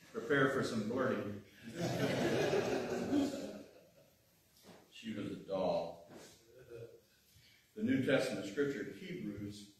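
A man's voice: mid-range voice, a little hiss or hum. A man giving a folksy, self-deprecating lay sermon with frequent chuckles in a church. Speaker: lay speaker. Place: church sanctuary. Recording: echoey church from far off.

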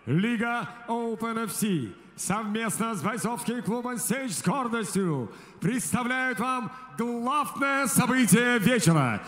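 A man working as a ring announcer, delivering a booming stage introduction for a fight in a large arena. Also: expressive. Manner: booming stage introduction with drawn-out shouted names and rapid-fire stats. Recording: echoey arena PA, some background noise.

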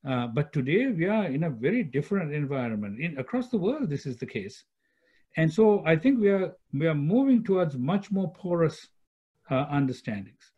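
Here the same kind of guest, an older man from Sri Lanka who directs a peacemaking institute, speaks a little high in a husky, dark-toned, sing-song voice at a moderate pace. He is thoughtful, gesturing with his hands and repeating words as he hunts for phrasing during the conversational video-call interview, heard through a computer mic as dull lo-fi audio.

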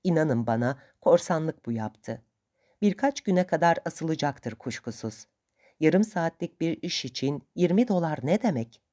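A woman voicing a courteous male ship's officer who speaks calmly and politely. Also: low voice, measured pace.

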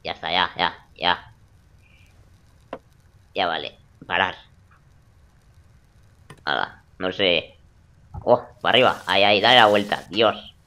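A man's voice: sits low, slow, long pauses, sharp tone. A young man giving joking, crude gameplay commentary in a teasing, playful way. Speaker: let's play gamer.

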